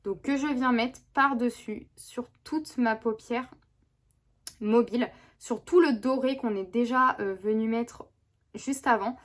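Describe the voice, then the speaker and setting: A woman's voice: fairly high pitch, unhurried. A woman talking casually through a makeup tutorial, chatty and rambling with many fillers and restarts. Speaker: beauty vlogger. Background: neighbor's lawnmower.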